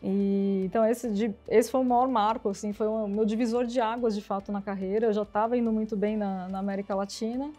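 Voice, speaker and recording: Lively woman telling stories. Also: mid-range voice, brisk, few pauses, faint music behind. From São Paulo, Brazil. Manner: lively storyteller acting out quoted dialogue. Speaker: interview guest, IT executive. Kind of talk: casual storytelling interview.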